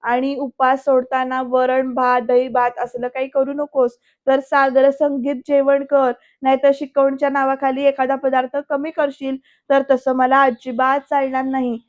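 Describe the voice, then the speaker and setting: A woman's voice: high-pitched, monotone, measured pace, hardly any pauses. A woman voicing a demanding old grandmother who fusses about food, in a dull, lo-fi recording. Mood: bossy. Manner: bossy, instructing.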